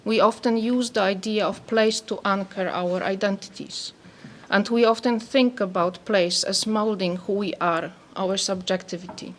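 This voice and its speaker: A woman from Poland with a Polish accent, an anthropologist speaking softly and carefully as she reads a prepared talk. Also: mid-range voice, steady tone, normal speed, few pauses, slight background noise. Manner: soft-spoken, careful reading.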